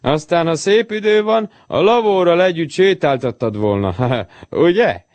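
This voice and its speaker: A man's voice: sits high, big pitch swings, breathy edge, dry recording, voice pushed up, heavily acted. Man playing a teasing young animal pal. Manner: mocking, playful.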